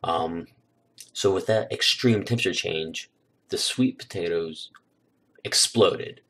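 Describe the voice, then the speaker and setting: A man's voice: low voice, takes it slowly. A young man casually telling a holiday story on his vlog, rambling with lots of fillers, recorded on a new desk microphone. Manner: relaxed, rambling, filler-heavy. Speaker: YouTuber.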